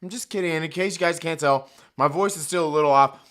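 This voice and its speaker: Talking quickly in a fairly high, fairly bright voice, the hoarse streamer keeps things casual and profane. He jokes and reads messages from chat aloud.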